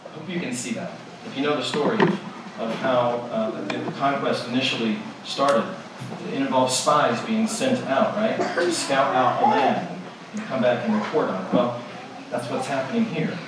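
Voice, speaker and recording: A man's voice: medium pitch, fairly even intonation, moderate pace. A man preaching a sermon in a conversational way, posing rhetorical questions to his listeners. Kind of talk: expository sermon. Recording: echoey hall, distant mic, background noise.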